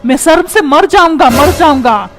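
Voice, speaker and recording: Woman doing a squeaky cartoon dad, yelling threats, loud music under it. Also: lively intonation, normal speed. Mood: ranting. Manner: scolding, shouting threats. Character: short-tempered middle-aged father, blustering and threatening. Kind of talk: comic cartoon dubbing. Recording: music playing loudly underneath.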